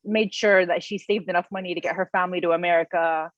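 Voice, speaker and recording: A woman's voice: fairly low pitch, steady tone, fast talker, no echo. Earnest woman author, dry muffled sound. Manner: earnest, emotional, personal storytelling. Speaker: guest author. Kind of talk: casual interview conversation. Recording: dull, slightly lo-fi, dry sound.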